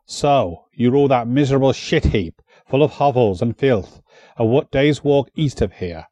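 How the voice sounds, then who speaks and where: A man's voice: medium pitch, expressive, normal speed, mellow, dry recording, close to an everyday voice. A man voicing a menacing, mocking Welsh warlord prince with a Welsh accent and a taunting manner. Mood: sneering. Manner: sneering, taunting.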